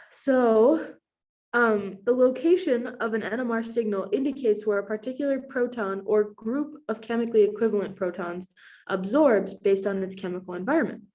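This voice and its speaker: A woman's voice: mid-range voice, darkish tone. A young adult woman who has a cold, giving a recorded class presentation as a chemistry student, explaining steadily with frequent ums.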